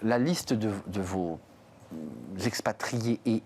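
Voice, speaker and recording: A man's voice: on the low side, takes it slowly, darkish tone, soft background music. Chatty man hosting a TV interview. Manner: chatty, thinks aloud, frequent hesitations. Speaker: TV show host. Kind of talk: TV interview questions.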